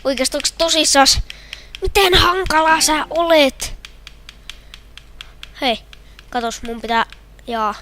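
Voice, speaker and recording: A young woman with a Finnish accent commenting on her own hockey video game match, shouting and groaning at the plays. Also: sits high, pauses often, slight background noise. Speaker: gamer. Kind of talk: gameplay commentary.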